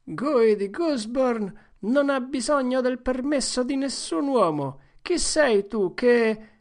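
Defiant make-believe knight boy, high and slow, a woman reads him. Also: expressive. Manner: high-pitched, slow, pompous declaiming.

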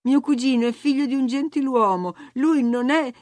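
In a storybook reading, a woman voices a spoiled, imperious young girl who gives orders and becomes indignant, sounding bossy and whiny. The character voice sits high, above her own, yet stays close to everyday speech, at normal speed, a little mellow and with no echo.

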